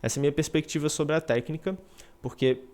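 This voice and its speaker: A man's voice: fairly high pitch, fairly even intonation, fast, a little mellow. A man, explaining a study technique in a casual, conversational lesson, often checking in with his listener and restarting phrases. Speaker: English teacher.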